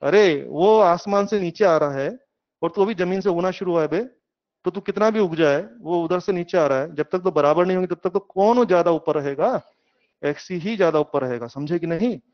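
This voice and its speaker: Male teacher, middle-aged, high pitch, muffled lo-fi sound; lively lecture style, keeps quizzing students. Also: moderate pace. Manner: lively, asks students questions, uses homely examples. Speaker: physics teacher. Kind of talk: classroom lecture.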